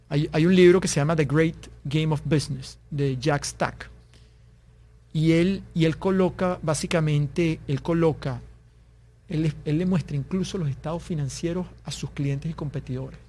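A man's voice: a little high, a little mellow. A man speaking as a guest in an interview, giving business advice in an earnest tone and acting out little dialogues to make his points. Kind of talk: conversational interview.

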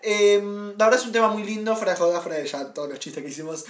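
A woman's voice: medium pitch, fairly even intonation, fast, echoey room. A young woman with a Rioplatense Spanish accent, co-hosting a casual comedic chat and joking playfully. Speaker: podcast co-host.

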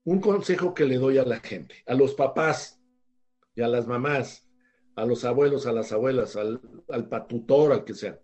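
A man's voice: mid-range voice, moderate pace, darkish tone. An older man with a Mexican accent, a psychologist explaining ideas to a talk show in a conversational, example-filled way. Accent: Mexican Spanish. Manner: conversational, teaching with everyday examples, many restarts.

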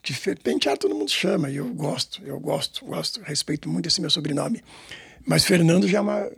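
This time the samba school director speaks briskly, his fairly high voice fairly bright in tone yet gravelly and husky. The Brazilian man in his sixties, with a São Paulo Portuguese accent, recounts stories in an interview, rambling, repeating, and adding tag questions.

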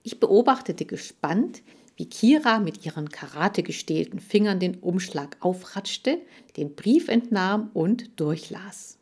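A woman narrating a children's book aloud in the first person, lively in tone. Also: medium pitch, unhurried, slightly rough. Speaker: audiobook narrator.

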